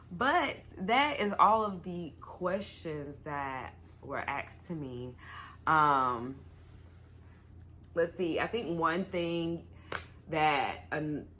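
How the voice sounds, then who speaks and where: A woman's voice: low-pitched, bright, forceful tone, slight background noise. A young woman from North Carolina, chatting casually to viewers as a vlogger in a tipsy, giggly, rambling way. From North Carolina, United States. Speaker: YouTuber host.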